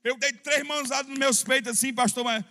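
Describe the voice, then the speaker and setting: A preacher doing a hurried, high-voiced churchgoer. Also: male voice, steady tone, gravelly, pushed and bright, long reverb tail, heavily acted. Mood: eager. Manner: fast, breathless, repeating "pastor". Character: excited hurried male church member.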